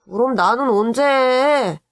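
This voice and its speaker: A woman's voice: sits high, takes it slowly, pitched above the performer's own voice. Woman putting on a chirpy young boy. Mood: eager. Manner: chirpy, excited and teasing. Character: cheeky, eager young boy.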